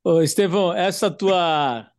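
A man's voice: high voice, a little slow, dry recording, studio quality. A man interviewing his guest in a casual, admiring way.

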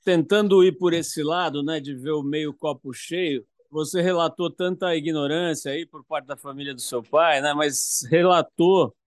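A man interviewing a guest, asking questions in a measured way and often adding "né". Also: a little high, no room sound, studio quality. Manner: measured, many "né" tags.

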